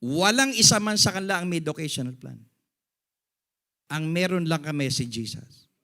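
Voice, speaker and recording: A middle-aged male pastor delivers a sermon at a church service, his fairly high voice dropping to quiet, low asides and then rising to loud, ringing emphasis. He keeps drawing in the congregation with repeated calls of "Amen?". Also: moderate pace. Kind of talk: Tagalog sermon with English phrases.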